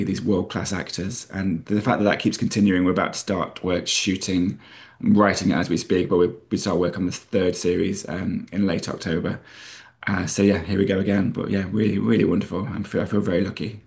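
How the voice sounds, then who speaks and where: A man's voice: low voice, flat delivery, gravelly, darkish tone. A man from Nottinghamshire with a North Nottinghamshire accent, a playwright and screenwriter talking in an interview, enthusiastic and full of restarts. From Nottinghamshire, England. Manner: enthusiastic, fast, many restarts and repeated words. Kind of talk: casual interview chat.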